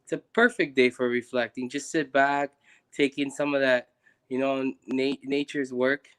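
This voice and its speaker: A man's voice: mid-range voice, fairly even intonation, normal speed, fairly bright tone, smooth. A young man from Guatemala talking earnestly and reflectively as a guest, with many restarts. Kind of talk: casual conversation on a live stream.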